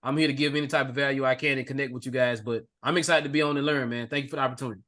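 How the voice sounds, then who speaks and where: A man's voice: medium pitch, fairly even intonation, rapid-fire, pushed and bright. A man introducing himself as an investor on a video call, eager and casual, often adding "man". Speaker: attendee, real estate investor.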